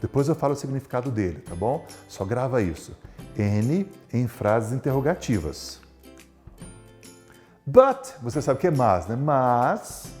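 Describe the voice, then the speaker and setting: A man teaching an English lesson, explaining lively and asking himself rhetorical questions as he goes. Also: mid-range voice. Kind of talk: recorded English lesson for students.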